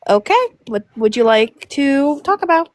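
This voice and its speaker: Female stream host, a little high-pitched, bubbly and playful. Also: very animated, moderate pace. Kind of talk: casual banter.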